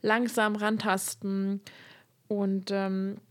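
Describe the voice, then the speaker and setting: A woman hosting a casual podcast, chatty and relaxed, giving advice and laughing often. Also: mid-range voice, drawn-out words. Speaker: podcast host.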